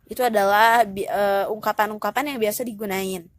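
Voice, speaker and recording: A woman teaching English in a relaxed, casual way, explaining step by step and dropping in English phrases. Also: medium pitch, normal speed, dry recording.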